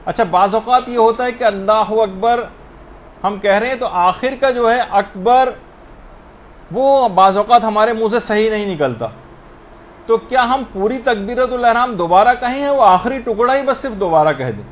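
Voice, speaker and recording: A man with a high voice gives a religious lesson on prayer rules. He explains each ruling patiently, slowing down to demonstrate correct pronunciations. Faint noise sits under the recording. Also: lively intonation. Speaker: religious teacher.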